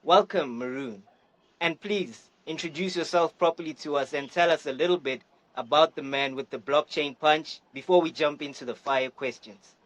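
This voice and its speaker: A man's voice: a little high, moderate pace, a bit bright, rough recording. A man hosting a podcast, introducing his guest with playful hype and asking questions. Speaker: podcast host. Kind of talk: energetic podcast interview.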